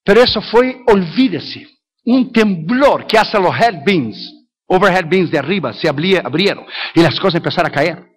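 A man's voice: high-pitched, expressive, moderate pace. A male evangelist preaching a sermon with emphatic repetition, dropping in English phrases.

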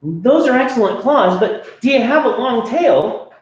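A man's voice: extremely high pitch, lively intonation, unhurried, very echoey, highs cut off, voice pushed up. A man voicing a nervous, picky young boy speaking to monsters in a storybook. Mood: pleading.

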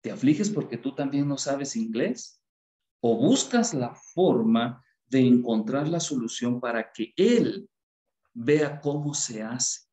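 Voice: mid-range voice, lively intonation, takes it slowly, dark tone, roomy sound. A speaker gives a parenting workshop talk with a Bible reading and keeps putting rhetorical questions to the listener.

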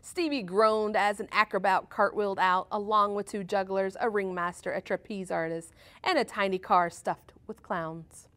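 A woman reading a picture book aloud to children as a storyteller, animated and full of playful sound effects. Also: medium pitch, normal speed.

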